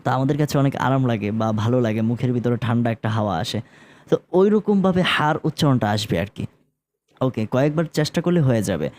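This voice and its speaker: A man with a Bangladeshi Bengali accent teaching Quran recitation, explaining sounds in relaxed talk and chanting verses slowly and drawn out. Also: mid-range voice. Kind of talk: relaxed spoken lesson with slow chanted recitation.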